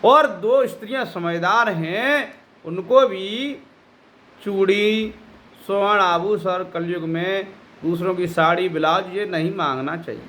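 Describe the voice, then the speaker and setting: High-voiced man giving stern spiritual advice. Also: takes it slowly, fairly bright tone. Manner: scolding, admonishing. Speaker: spiritual teacher. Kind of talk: devotional discourse.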